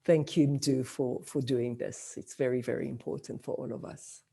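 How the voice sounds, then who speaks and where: Mellow-voiced woman giving a heartfelt tribute. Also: rumbling low, fairly even intonation, gravelly, husky. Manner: halting, heartfelt, many fillers. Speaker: founder of a Holocaust centre. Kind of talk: memorial tribute speech.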